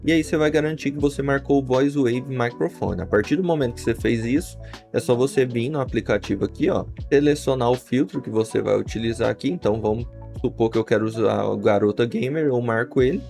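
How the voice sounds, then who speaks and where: Gravelly Brazilian man presenting a tutorial. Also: medium pitch, fast talker, a little mellow. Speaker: YouTube software reviewer. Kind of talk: casual scripted-sounding product tutorial. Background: faint guitar music.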